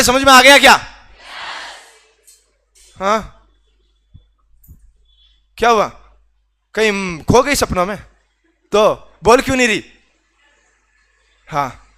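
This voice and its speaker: A man's voice: sits high, pushed and bright. A man teaching a reasoning class in a classroom, teasing and prodding students to answer. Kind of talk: classroom lecture.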